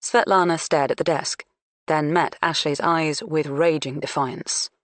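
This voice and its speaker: A woman narrating an audiobook in a measured, even storytelling manner. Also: deep voice, no room sound. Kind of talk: scripted narration.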